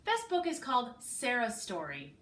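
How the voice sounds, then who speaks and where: A woman teacher reading a storybook aloud to her pupils from her living room, in an expressive manner. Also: on the high side, normal speed. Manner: animated, expressive. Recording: echoey room, mic at a distance.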